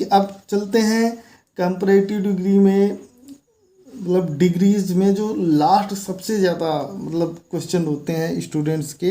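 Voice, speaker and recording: A man's voice: high voice, mellow. A man teaching an English grammar lesson, explaining patiently and repeating key words as he points things out on a board.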